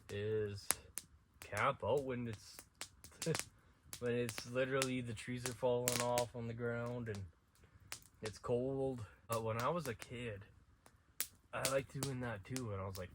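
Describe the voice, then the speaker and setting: A man's voice: fairly low pitch, noisy background. A man from central Saskatchewan telling stories to his camera in a casual, rambling way, with restarts and chuckles. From central Saskatchewan, Canada. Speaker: outdoor vlogger. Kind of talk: casual storytelling. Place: outdoors at night at an abandoned school.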